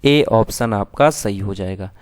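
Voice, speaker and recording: A man's voice: on the low side, measured pace, dry recording, clean studio sound. A man teaching an exam-prep lesson who asks his students questions and then answers them himself.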